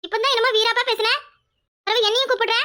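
A woman voicing a young, pregnant village wife in a cartoon who is tender and teasing, speaking with a southern Tamil accent in a high, sing-song way. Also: steady tone, quick pace, sharp tone. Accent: southern Tamil (Tirunelveli). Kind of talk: cartoon voice acting.

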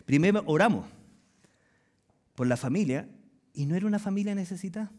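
A middle-aged man with a Chilean accent, preaching a sermon as pastor and acting out voices in lively storytelling. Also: high voice, brisk. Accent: Chilean Spanish. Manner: animated storytelling, acts out voices and dialogue.

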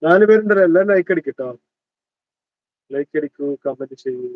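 A man's voice: a little high, lively intonation, brisk, dry recording. A man in his thirties with a Malabar Malayalam accent hosts a live stream, chatting and teasing as he greets viewers by name. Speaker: livestream host. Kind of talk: casual live chat reading comments. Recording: dull lo-fi dry sound.

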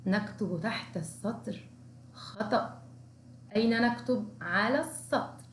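A woman teaching young children to write, praising often and slowly sounding out syllables and letter marks. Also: on the high side, reverberant, a little hiss or hum. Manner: encouraging, slow, sounds out syllables. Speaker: kindergarten teacher. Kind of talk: recorded Arabic writing lesson for young children.

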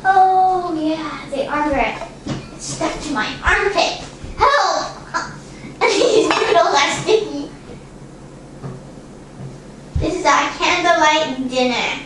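A woman's voice: sits high, takes it slowly. A woman puppeteer improvising a cooking show in a home kitchen, playful and giggly with sudden squeals. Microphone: far camera. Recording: echoey kitchen from far off with noise.

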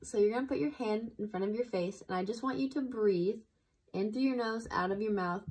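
A woman teaching an intro breathwork lesson, explaining slowly and gently and guiding the listener through breaths. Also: medium pitch, breathy edge, rough recording. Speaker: breathwork instructor.

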